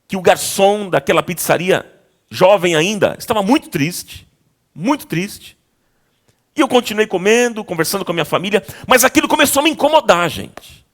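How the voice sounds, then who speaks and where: A man preaching as a pastor in a church. His delivery moves between loud exhortation and quiet, intimate storytelling. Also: high voice. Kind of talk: sermon.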